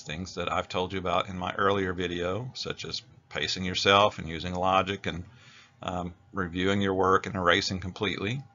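A man's voice: sits low, bright, forceful tone, highs cut off. An American man narrating an instructional video as a teacher, explaining things in a plain-spoken way.

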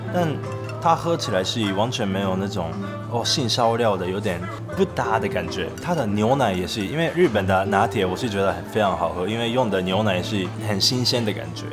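Young Japanese-accented man vlogging over music. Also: on the low side. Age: young adult. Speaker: travel and food vlogger. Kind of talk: casual vlog chat.

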